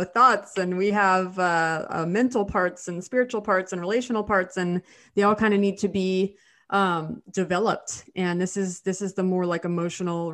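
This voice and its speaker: Lower-pitched, nasal woman with a cold. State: congested with a cold. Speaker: podcast host. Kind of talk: casual podcast chat.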